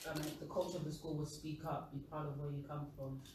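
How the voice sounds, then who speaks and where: A man's voice: a little high, level tone, quick pace. A young man with a London accent speaking casually and discursively in a discussion. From East London, England. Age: young adult. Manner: rambling, discursive. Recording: very echoey room, distant mic, noisy.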